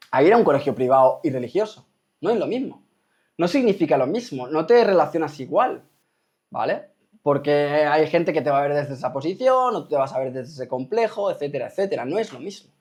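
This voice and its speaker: A man's voice: on the high side, darkish tone. A man gives a casual spoken talk to his viewers, checking in often with rhetorical questions. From Spain. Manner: rhetorical, keeps asking "¿me explico?". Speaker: host.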